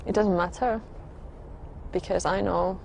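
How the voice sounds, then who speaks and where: A woman, sharing her personal testimony in a halting, reflective way full of pauses and fillers. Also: mid-range voice, fairly even intonation, creaky, a little hiss or hum. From Finland. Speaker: religious convert sharing her story.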